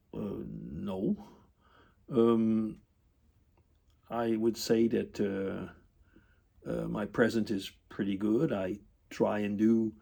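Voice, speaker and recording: An older retired man answers tag questions at his computer indoors in a casual vlog. His voice is on the low side and warm, with a flat delivery, and he speaks haltingly with lots of ums and throat-clearing.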